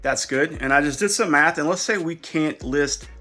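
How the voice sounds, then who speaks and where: A man's voice: on the high side, normal speed, sharp tone, soft background music. A man casually talking through a pile of resale clothes, chatty and a little out of breath. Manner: chatty, thinking aloud while sorting clothes. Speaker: resale vlogger. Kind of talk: casual vlog commentary.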